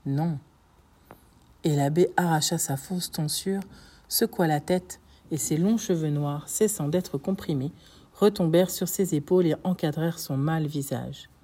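A woman narrating a classic novel in steady, dramatic storytelling. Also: sits low, normal speed, husky. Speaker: audiobook narrator. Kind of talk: scripted narration.

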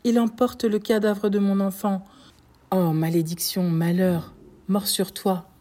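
A woman's voice: lowish voice, unhurried, warm tone. A woman voicing a tormented middle-aged male prosecutor in an audiobook, crying out in frantic, pleading outbursts. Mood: frenzied. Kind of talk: audiobook reading.

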